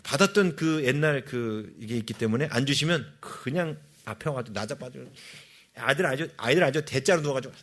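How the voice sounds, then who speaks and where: Lively, animated male pastor preaching. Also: medium pitch, a little fast. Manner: animated, asks the congregation questions and answers them himself. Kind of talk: sermon.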